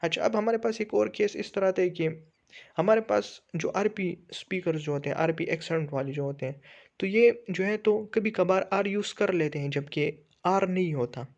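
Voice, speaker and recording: A man's voice: high-pitched, vocal fry, lo-fi sound. Man teaching English pronunciation in Hindi. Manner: explains step by step, many fillers, reads English slide text slowly. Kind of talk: English phonetics lesson in Hindi.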